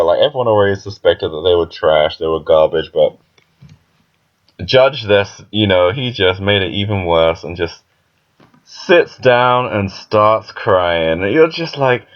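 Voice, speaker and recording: A young man casually reviewing a comic chapter, rambling with frequent fillers and laughs. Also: on the low side. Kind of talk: casual commentary. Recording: dull lo-fi recording.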